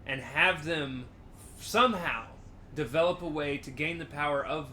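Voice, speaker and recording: Bright, slightly high male podcast co-host, eager storyteller, light room noise. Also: moderate pace. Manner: animated storytelling, acts out quotes. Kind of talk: casual chat.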